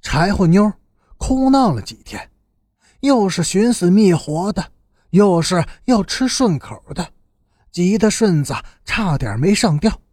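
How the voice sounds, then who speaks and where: A man narrating an audiobook in an expressive storytelling style. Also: sits high, unhurried, breathy edge, no room sound, clean studio sound.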